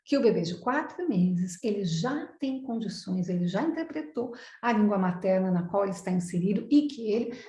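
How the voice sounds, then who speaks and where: A woman's voice: medium pitch, a little mellow, roomy sound, a little hiss or hum. A middle-aged Brazilian woman giving an online lecture to professionals, explaining things step by step and answering her own questions. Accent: Brazilian Portuguese. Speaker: psychoanalyst lecturer. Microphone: video call.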